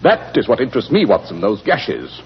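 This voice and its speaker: An actor playing Sherlock Holmes as a shrewd, self-assured British detective, clipped and sardonic, in 1940s radio style. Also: male voice, medium pitch, huge pitch swings, moderate pace, husky, full character voice. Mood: probing, dry. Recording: muffled, reverberant 1940s radio recording.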